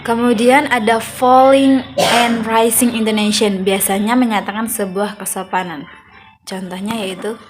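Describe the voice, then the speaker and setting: Young woman giving a measured class presentation. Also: fairly high pitch. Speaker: student presenting an assignment. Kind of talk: read-aloud class presentation.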